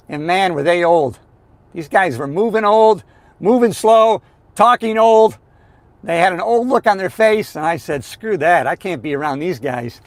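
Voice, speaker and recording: Man in his sixties, high-pitched, dry close sound, upbeat motivational live-stream chat. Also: dry recording. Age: 60s.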